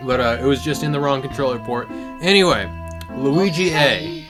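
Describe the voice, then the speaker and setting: A man's voice: mid-range voice, quick pace, over music. A teenage boy giving casual, rambling let's-play commentary as the host of his gaming channel, swearing and exclaiming as he goes. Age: teens.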